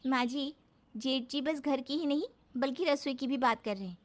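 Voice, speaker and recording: A woman's voice: sits high, moderate pace, a little hiss or hum, natural voice. A woman voicing a young daughter-in-law who complains politely in a cartoon story. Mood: pleading.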